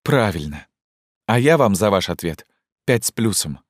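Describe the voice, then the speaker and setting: A man's voice: lowish voice, very animated, moderate pace, dry recording, studio quality, pitched above the performer's own voice. A man reading an audiobook, voicing an impulsive young woman who pleads with intense, probing questions. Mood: urgent, pleading.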